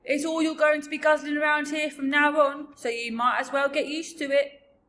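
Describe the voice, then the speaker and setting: A woman voicing a huge, very old, gentle male giant from a storybook, with mangled grammar and invented words. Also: high voice, level tone, normal speed, pitched above the performer's own voice. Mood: disgusted, insistent. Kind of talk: storybook character voice.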